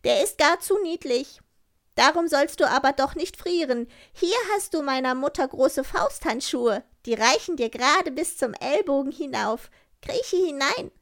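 A woman voicing a wild, bossy little robber girl in a storybook, with a brash, loud manner. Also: high voice, animated, measured pace, voice pushed up, full character voice.

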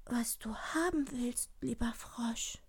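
A woman voicing a young princess in a fairy tale, raising her voice high and often half-whispering. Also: slow pace, husky, heavily acted. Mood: pleading. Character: spoiled young princess, airy and pleading.

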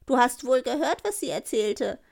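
A woman voicing a wild, bossy little robber girl in a storybook, with a brash, loud manner. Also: sits high, lively intonation, normal speed, creaky, voice pushed up, full character voice.

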